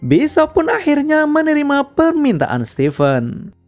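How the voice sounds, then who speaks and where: A woman giving scripted narration that retells a film's plot in a steady storytelling manner. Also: high-pitched, measured pace. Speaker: film recap narrator. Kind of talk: scripted film recap narration. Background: background music.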